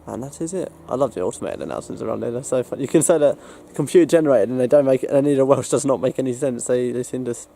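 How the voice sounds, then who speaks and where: A man's voice: mid-range voice, racing, vocal fry, few pauses, mellow, a little hiss or hum. A British man casually narrating a railway vlog on a station platform, rambling with fillers into a handheld camera. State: out of breath after running. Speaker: railway vlogger.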